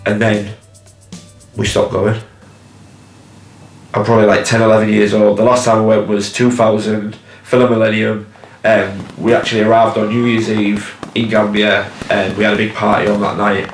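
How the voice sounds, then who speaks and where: Young man, low flat voice, candid and casual, roomy sound, music underneath. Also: normal speed. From Hull, England. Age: 20s. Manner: candid, casual, swears freely. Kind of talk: documentary interview.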